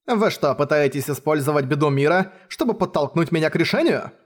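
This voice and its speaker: A man's voice: on the high side, animated, fairly quick. A man voicing a grave, indignant older bishop who speaks in a solemn, oratorical way.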